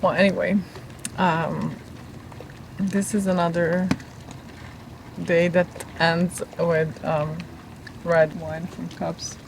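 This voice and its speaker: A woman's voice: lowish voice, little pitch movement, takes it slowly, gravelly, long pauses. A woman in her thirties with a continental European accent, chatting casually for a sailing vlog. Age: 30s. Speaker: sailing vlogger. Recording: noisy on-board boat recording.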